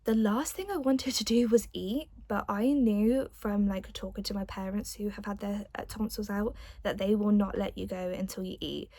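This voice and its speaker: A woman's voice: medium pitch, steady tone, moderate pace, few pauses, mellow, no echo. A young adult woman telling a personal story in a casual, chatty vlog style, with the odd light giggle. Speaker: vlogger.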